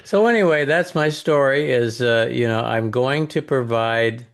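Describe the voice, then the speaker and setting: A man's voice: medium pitch, unhurried, smooth. Chuckling, rambling male podcast host. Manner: rambling, chuckling, restarts phrases. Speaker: podcast co-host giving a steakhouse quiz. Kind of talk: casual chat.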